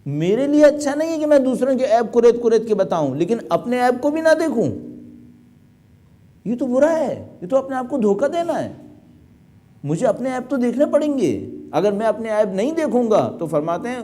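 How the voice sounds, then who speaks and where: A man's voice: extremely high pitch, very animated, warm tone, slight background noise. A middle-aged male cleric preaching an emphatic sermon, full of rhetorical questions. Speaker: cleric delivering a majlis.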